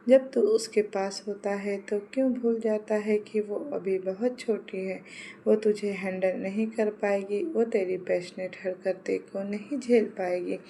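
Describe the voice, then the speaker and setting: A hot-tempered young man from a romance storybook, scolding himself in a sharp, raised voice, as a woman narrator reads him. The tone is mellow and dark underneath. A faint hiss runs beneath it. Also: high voice, steady tone, a little slow, creaky. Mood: angry, frustrated. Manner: shouting, self-scolding.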